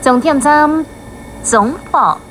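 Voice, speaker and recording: A woman making measured, clearly enunciated train announcements, heard over the carriage's intercom loudspeaker. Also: high-pitched, slight background noise, poor audio. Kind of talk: recorded transit announcements.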